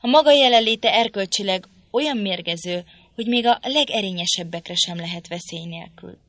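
A woman reading a stern, formal gentleman. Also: medium pitch, no echo. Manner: stiff, formal, reproachful. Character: stern, indignant gentleman husband, cold and formal.

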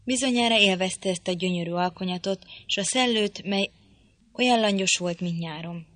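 A woman narrating a novel in an audiobook in a measured storytelling manner. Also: mid-range voice, a bit bright, no echo.

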